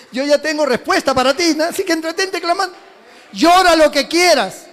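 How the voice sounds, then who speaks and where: A man voicing God as a patient figure who gently reassures a crying child. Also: extremely high pitch, animated, moderate pace. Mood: soothing.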